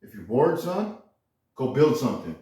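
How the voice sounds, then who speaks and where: A man in his garage quoting his father, a gruff, encouraging biker who pushes him with repeated commands. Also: medium pitch, sing-song, normal speed, dark tone, natural voice. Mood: urging. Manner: insistent, repetitive commands. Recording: echoey garage, far from mic.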